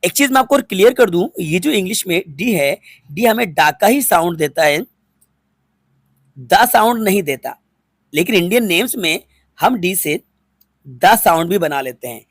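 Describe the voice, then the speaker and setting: A man's voice: high-pitched, expressive, moderate pace, dry recording, studio quality. A man teaching a phonics lesson to students, patiently spelling words out letter by letter and repeating each one. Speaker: English teacher.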